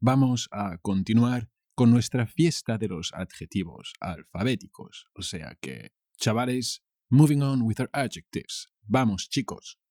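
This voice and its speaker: A young man gives a playful, joking vocabulary lesson. His voice sits fairly low, and he talks slowly, drawing out each word he teaches. The sound is dry and close, with no room echo. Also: lively intonation, darkish tone. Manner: playful, jokey, slow and drawn-out on key words. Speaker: Spanish teacher.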